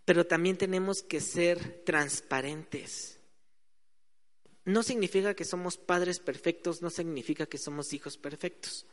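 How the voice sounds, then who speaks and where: A man's voice: high-pitched, measured pace, a bit bright. A man preaching a sermon in a conversational way, acting out quoted voices. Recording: hall reverb.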